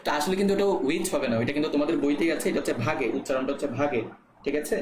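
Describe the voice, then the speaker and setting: A young man teaching a live online chemistry class in a slightly high voice. He walks through each point step by step and keeps asking students to confirm they follow. The sound is roomy and echoey, with a faint hiss underneath. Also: very fast. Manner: explains step by step, checks students' comments, frequent "ঠিক আছে?". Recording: echoey room with faint background noise.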